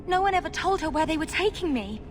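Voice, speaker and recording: A woman's voice: very high voice, expressive, quick pace. A woman playing a terrified, innocent young mage girl in a video game, pleading in a tearful, frantic way. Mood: frightened pleading. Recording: noisy game capture.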